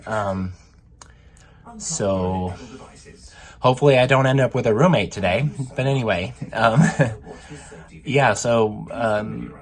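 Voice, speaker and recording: A man's voice: lowish voice, slow, pauses often. Slightly winded man vlogging in a cabin. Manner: rambling, with many ums and laughs. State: a little out of breath. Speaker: travel vlogger. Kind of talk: casual vlog to camera. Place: cruise ship cabin with a TV on.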